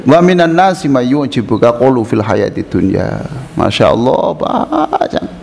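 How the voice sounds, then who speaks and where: An older man giving a humorous sermon in a mosque, an animated storyteller who teases his listeners. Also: medium pitch, measured pace, gravelly. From Indonesia. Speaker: preacher. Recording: reverberant mosque hall with faint noise.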